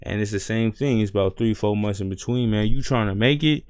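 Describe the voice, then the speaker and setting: Man, low voice, smooth resonant tone, dry close mic, blunt music critique. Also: brisk, a little mellow, no echo. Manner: blunt, straightforward, repeats "you know what I'm saying". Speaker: music reviewer, streamer. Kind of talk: casual spoken music critique.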